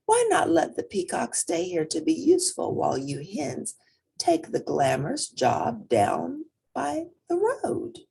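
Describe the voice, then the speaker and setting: A woman plays an old storybook farm hound, sensible and persuasive. The voice is husky and creaky. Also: medium pitch, huge pitch swings, a little slow, dark tone, voice pushed up, full character voice. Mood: suggesting.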